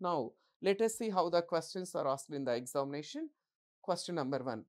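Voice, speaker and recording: A woman with a deep, animated, slightly mellow voice teaches exam-oriented English grammar. She asks the class questions, answers them herself, and reads example sentences in a slow, deliberate manner.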